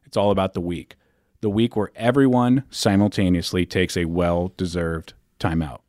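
Low-voiced wry male podcast host. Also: moderate pace, no echo, clean studio sound. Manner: wry, deadpan, exaggerated. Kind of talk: scripted monologue.

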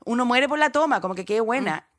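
A young Chilean woman co-hosting a podcast, telling a story in casual chat with quick asides and laughter. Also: on the high side, expressive, fairly bright tone. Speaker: podcast co-host.

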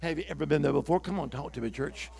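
In a church, a male preacher with a high, gravelly voice talks fast through his sermon. He uses call-and-response, calling out questions for the congregation to answer, and swells into emphatic, forceful shouts.

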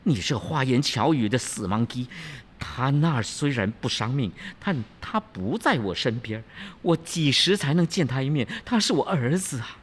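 铁扇公主, a shrill furious princess. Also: expressive, normal speed, breathy edge. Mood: scornful. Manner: shrieking taunts, mixing in English insults. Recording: long hall reverb, faint ambience.

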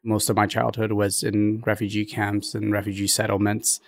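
A young adult man from Ethiopia, a podcast guest talking in an earnest, reflective way with frequent pauses. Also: fairly low pitch, monotone, creaky. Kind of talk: conversational interview.

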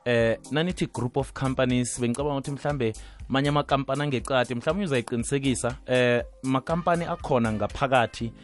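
A man's voice: mid-range voice, fast talker, soft background music. A South African man hosting a radio talk show, presenting and interviewing.

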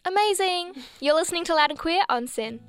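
A woman's voice: extremely high pitch, expressive, brisk, faint music behind. A woman hosting a radio show from a studio, explaining news earnestly with a bit of light teasing. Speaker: radio host.

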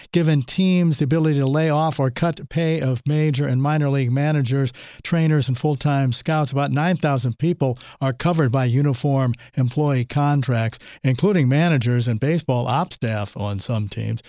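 Brisk man reading sports headlines. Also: on the high side, a little mellow, no room sound, clean studio sound. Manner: brisk, clipped news delivery. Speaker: sports radio news anchor. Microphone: studio microphone.

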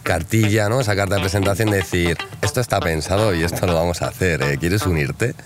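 Deep-voiced man, chatty. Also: a little fast, loud music behind the voice. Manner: relaxed, chatty, many fillers and asides. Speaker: interviewee, league co-founder. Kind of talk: casual interview talk. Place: outdoor basketball court.

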